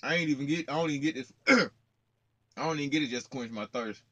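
A man's voice: mid-range voice, fast, fairly bright tone, no echo, lo-fi sound. A young man in his twenties, a trucker vlogging in slangy, playful casual chat, talking straight to his viewers from his truck cab into a close phone camera. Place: parked truck cab, indoors, small.

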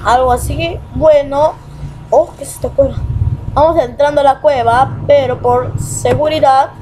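A young man with a Peruvian accent giving excitable gameplay commentary, muttering repeated words and swearing as he plays. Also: very high voice, a little slow, slight background noise, rough recording. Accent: Peruvian Spanish. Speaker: gamer.

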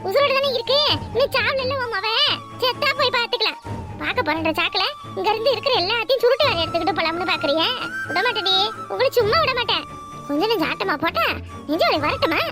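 A woman with a southern Tamil Nadu accent voicing a spiteful, scheming mother-in-law who taunts and scolds at a rapid clip. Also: very high-pitched, animated, loud music behind the voice. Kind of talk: cartoon voice acting.

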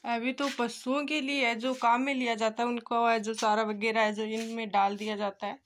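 Holding her phone at arm's length, a young vlogger casually shows viewers around an old empty brick house inside and outside, chatting like they're friends and using filler phrases. Her fairly high voice has flat delivery at normal speed, with slight background noise.

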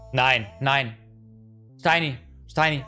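A man streaming a football video game, talking casually and getting excited over his luck. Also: mid-range voice, slow pace, faint music behind. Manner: excitable, repeats exclamations. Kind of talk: casual live stream chat.

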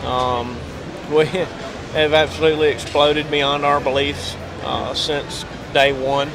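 A man's voice: a little high, little pitch movement, slow pace. A young man who runs a scent company, talking up his products in a casual interview with lots of fillers. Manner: enthusiastic, salesman-like, lots of fillers. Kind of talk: casual interview at a trade show booth. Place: busy trade show hall, indoors. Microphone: handheld mic. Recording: noisy crowded trade show hall. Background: crowd chatter.

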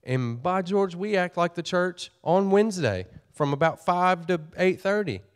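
A man's voice: high voice, lively intonation, unhurried, smooth. A pastor preaching a sermon to his church, earnest and folksy, often repeating and restarting his phrases.

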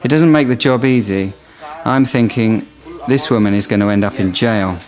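A man's voice: on the low side, moderate pace, darkish tone. A man presenting and narrating a nature documentary in a scripted reporting style. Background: music under the narration.

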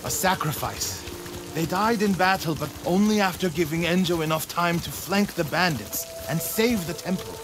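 A man's voice: a little high, expressive, moderate pace, lightly acted. An actor playing a grieving warrior monk in a video game, solemn and earnest, bitter about his brother. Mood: bitter, proud. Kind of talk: video game character dialogue. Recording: game music behind the voice.

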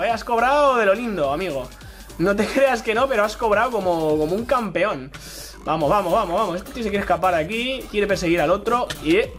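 Young man from Spain, high voice, hyped gameplay commentary over faint music. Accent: Spain Spanish. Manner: excitable, chatty, taunts opponents. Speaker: gaming YouTuber. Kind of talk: live Minecraft PvP commentary.

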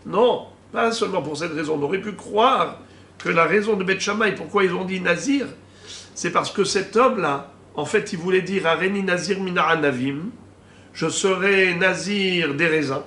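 A man, a rabbi, teaching a Talmud lesson, slowly reading out Hebrew and Aramaic terms and explaining each one. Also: high-pitched, bright, forceful tone. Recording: echoey room with faint ambient noise.

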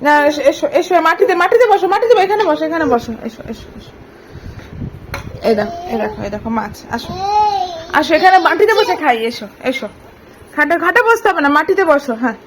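Very high-pitched, lively coaxing mother. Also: fast talker, a little hiss or hum. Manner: coaxing, repetitive, sing-song toward a small child. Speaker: mother and vlogger. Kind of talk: casual home vlog, talking to her toddler. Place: home, indoors.

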